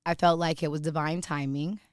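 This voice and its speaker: Woman, actress guest, earnest animated storytelling, smooth resonant voice, dry close sound. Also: deep voice, a little fast, dry recording. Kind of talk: casual interview talk.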